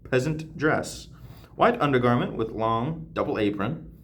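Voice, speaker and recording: A young man reads a classic novel aloud, stopping often for slangy jokes and laughter. His voice swings lively up and down around a middle pitch. It sounds casual and unpolished, like a home reading video. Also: unhurried. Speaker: channel host.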